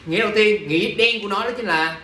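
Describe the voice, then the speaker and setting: A man's voice: high-pitched, fast talker, pushed and bright. A young man teaching English vocabulary in class, drilling pronunciation and quizzing students with exasperated asides. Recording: echoey classroom from a distance.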